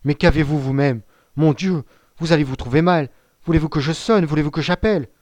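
A man's voice: medium pitch, brisk, a little mellow, no room sound, pitched above the performer's own voice, lightly acted. A man voicing an eager young sailor, pleading. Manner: eager, earnest and protesting. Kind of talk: audiobook character voice.

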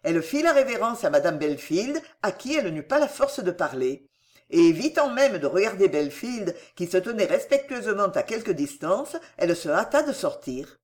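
Expressive woman reading a classic novel. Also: mid-range voice. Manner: expressive, measured storytelling. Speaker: audiobook reader. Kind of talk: scripted narration of a classic novel.

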